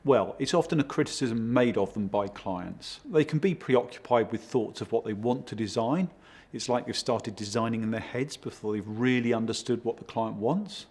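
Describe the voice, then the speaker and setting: Guy consultant answering interview questions, bit husky, measured and clear about his points. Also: mid-range voice, darkish tone. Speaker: project consultant for a home design firm.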